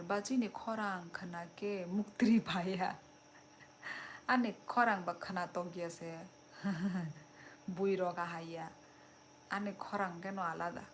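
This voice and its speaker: A woman's voice: medium pitch, slight background noise. A young woman hosting a casual live stream, chatting and laughing as she reads out and answers viewer comments. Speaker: livestream host.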